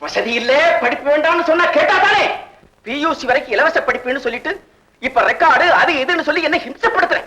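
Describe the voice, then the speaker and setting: A man's voice: extremely high pitch, expressive, fast talker, pushed and bright, heavily acted. An actor playing a poor, irritable priest and father who scolds his family over money, in an old film. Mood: scolding.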